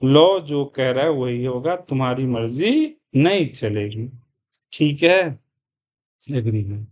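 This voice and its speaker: A man's voice: medium pitch, expressive, slow, darkish tone. A male commerce teacher lecturing a class, asking questions and answering them himself, repeating key terms and mixing English words into his speech.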